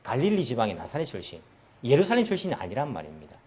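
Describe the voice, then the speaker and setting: A man's voice: mid-range voice, huge pitch swings, racing, a little mellow. A man preaching a sermon as pastor, acting out the voices of people he quotes. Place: church.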